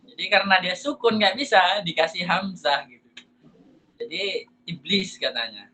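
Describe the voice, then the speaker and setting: An Indonesian man teaching a lesson on Quran recitation, asking and answering his own questions and reciting examples slowly. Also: sits high, sing-song, bright, forceful tone, slight background noise, low-quality recording. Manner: slow drawn-out recitation of examples. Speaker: tajwid teacher.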